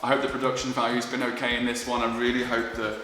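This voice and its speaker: The sound is drenched in echo and long reverb, as in a hard-walled indoor space. A man with a bright, forward voice chats informally as he presents his gear for a vlog. His manner is casual and self-deprecating. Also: medium pitch, monotone, fast, slight background noise. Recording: very echoey, reverberant room, faint music.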